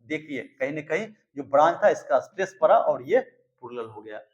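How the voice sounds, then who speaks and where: A man teaching a grammar lesson. He explains slowly, repeats himself and sounds out example words. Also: fairly high pitch, sing-song, dull audio. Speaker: English teacher.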